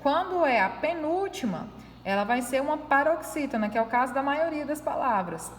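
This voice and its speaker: A woman teacher with a high voice goes over a graded test one answer at a time. She explains each point patiently and keeps checking in with her students. Her voice rings with a long reverb, as if recorded in a hard-walled room. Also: expressive, normal speed, slight background noise. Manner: patient, explaining step by step, frequent tag questions.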